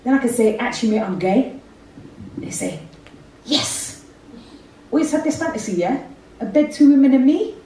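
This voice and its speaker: A woman's voice: high-pitched, lively intonation, normal speed, long pauses, mellow, recorded from a distance, slight background noise. A woman, performing spoken word poetry on a theatre stage into a handheld mic, with rhythmic street-inflected delivery. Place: theatre stage with red curtains. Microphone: handheld mic, far camera. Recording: very echoey hall, heard from afar.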